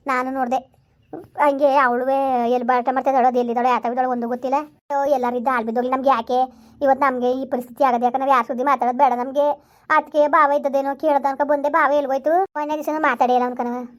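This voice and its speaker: A woman's voice: sits high, little pitch movement, quick pace. A woman in a village comedy skit who pleads and complains. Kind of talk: village drama dialogue.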